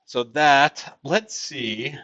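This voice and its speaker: A man's voice: medium pitch, extremely slow, bright, forceful tone, muffled recording. A man from Texas hosting a casual livestream, rambling with many fillers as he reads viewer comments aloud. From Texas, USA. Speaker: livestream host.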